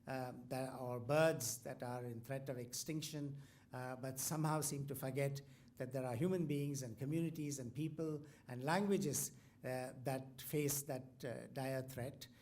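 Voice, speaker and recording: At a commencement, a university host from India, a native Tamil speaker, introduces a lecturer in a formal speech full of ums and restarts. His voice is medium-pitched and a little mellow.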